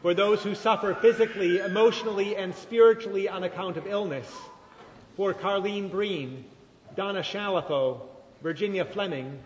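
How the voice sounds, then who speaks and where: A man leading formal church liturgy as pastor, solemn and measured, his voice ringing with cathedral-like echo in a large church. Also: sits high. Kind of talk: formal liturgical prayer recitation. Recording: long church reverb, cathedral-like echo, faint noise.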